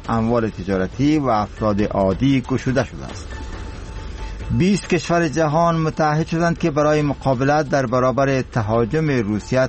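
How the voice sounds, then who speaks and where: A man with an Afghan accent reading scripted radio news in a solemn, formal manner. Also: medium pitch. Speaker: radio newsreader.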